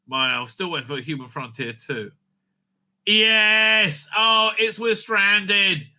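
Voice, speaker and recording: A man with a high-pitched, sharp voice talks slowly while hosting a fan review show. It's a casual, opinionated rant: blunt, peppered with profanity and exasperation, with his points frequently capped by "right?"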